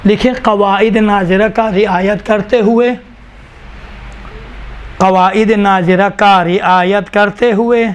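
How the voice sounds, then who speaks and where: A male teacher dictating definitions to a class, slowly repeating each phrase so students can write it down. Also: high voice, steady tone, clean tone. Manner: slow, repeats each phrase for note-taking. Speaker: Quran recitation teacher.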